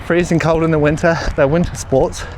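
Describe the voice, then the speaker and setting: A man's voice: fairly high pitch, steady tone, a little fast. A man with a New Zealand accent chats casually to his vlog while running, speaking in short, broken phrases. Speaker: running vlogger. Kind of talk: casual rambling vlog chat. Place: outdoors on a run through a mountain town. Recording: outdoor street noise, wind and traffic.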